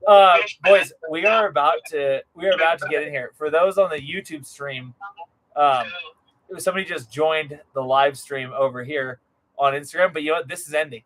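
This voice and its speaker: A man with a fairly high, slightly bright voice hosts a casual livestream at normal speed. Like a showman, he hypes things up and repeats phrases for emphasis, and the live stream recording is clearly noisy.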